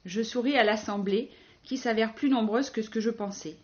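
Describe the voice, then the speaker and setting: A woman's voice: fairly high pitch, a little mellow, dull audio. Wry woman reading a novel aloud. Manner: wry, ironic, measured. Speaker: audiobook narrator. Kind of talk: first-person novel narration.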